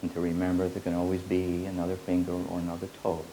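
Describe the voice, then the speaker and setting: Repeating his phrases slowly like an incantation, a man with a very low, dark voice gives a meditative spiritual teaching in a monotone, pitch almost unmoving. Beneath him in the rough recording sits a faint old-tape hiss.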